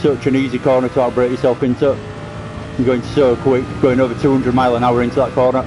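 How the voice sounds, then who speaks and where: A man talks through his sim racing laps on a home stream, a bit out of breath as he explains his gear choices. He sounds chatty and self-deprecating. A clear hiss runs under the voice. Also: mid-range voice, little pitch movement, fast talker. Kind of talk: casual live commentary over gameplay.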